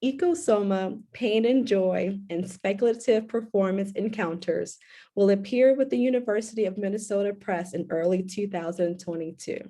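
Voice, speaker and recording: A woman host reads guest introductions in a measured, formal way and then moderates the panel. Her voice is mellow and relaxed. She speaks over a video call. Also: mid-range voice. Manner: clear, measured, formal reading. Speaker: co-curator and host.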